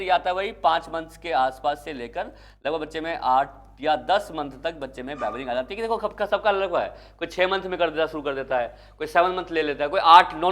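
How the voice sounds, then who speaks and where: A man's voice: a little high, a bit bright. A man from India teaching an exam-prep class. He keeps asking the students questions, answers them himself, and mixes English terms into his Hindi.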